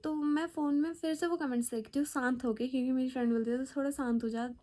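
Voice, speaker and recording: A woman's voice: sits high, fairly even intonation, fast talker, warm tone. Chatty young woman telling a story. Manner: chatty, dramatic retelling with fillers. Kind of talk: casual storytelling.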